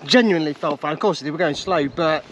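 A man's voice: a little high, fast talker, fairly bright tone, a little hiss or hum. A man, chatting casually as a vlog co-host. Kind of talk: casual chat. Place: garage, restaurant, car and outdoor trail. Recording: music behind the voice.

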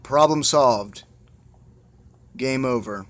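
Talking extremely slowly in a mid-range voice, a gamer mutters his way through a horror game, exasperated and swearing a lot. Though the sound itself is dry, it's a noisy amateur phone screen recording.

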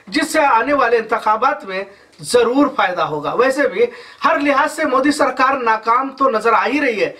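A man's voice: sits high, bright, forceful tone, distant mic. A man in his thirties reading a news report as anchor, with formal Urdu-flavored delivery in a studio.

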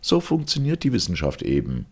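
A man reading the lines of an earnest gentleman who speaks in defense of his science and apologises. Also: low-pitched, wildly swooping pitch, brisk, husky, pitched above the performer's own voice, exaggerated voice. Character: the curious first-person narrator, a gentleman scientist.

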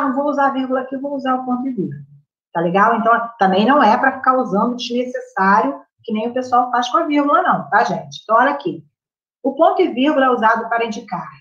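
A woman with a Brazilian Portuguese accent leads a live lesson, chatting and checking in with her students. Her voice sits a little high. The sound is roomy and a bit dull. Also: a bit bright. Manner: chatty, checks in with the class by constantly asking "right?". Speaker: teacher. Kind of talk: live online grammar class. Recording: roomy, slightly muffled room sound.

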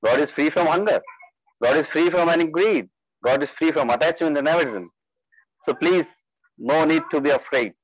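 A man leading a religious study class, talking in a halting way with many fillers and putting questions to the group. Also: a little high, slightly rough, no room sound, poor audio.

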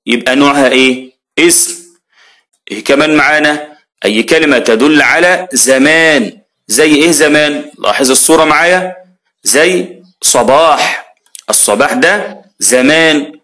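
A man's voice: on the high side, normal speed, bright, forceful tone. Egyptian teacher quizzing his young pupils. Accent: Egyptian Arabic. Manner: asks questions and answers them himself, addresses pupils as heroes. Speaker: primary school grammar teacher. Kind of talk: lively classroom explanation.

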